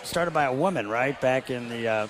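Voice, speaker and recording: A man's voice: medium pitch, moderate pace. A man hosting an interview show, prompting his guest casually with short questions. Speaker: host. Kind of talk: interview chat.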